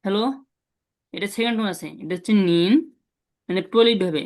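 Man drilling tones on a video call. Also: sits high. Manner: drills syllables slowly, repeating them often; asks questions to the students. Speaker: Chinese language teacher. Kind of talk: online class teaching pronunciation.

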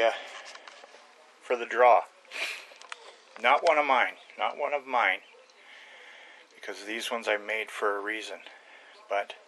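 An older man rambling casually, with many pauses and restarts, into a webcam at close range in a small room at home. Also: mid-range voice, bright, forceful tone, slight background noise. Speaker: hobby carver and channel host. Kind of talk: casual home video show-and-tell. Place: small room at home with shelves of model trucks. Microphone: webcam close to the face.

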